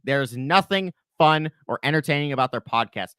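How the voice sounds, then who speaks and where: A man's voice: a little high, animated, normal speed, a bit bright, clean tone, no echo. A man from the American South co-hosting a stream, ranting bluntly in casual chat with frequent swearing. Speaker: stream co-host.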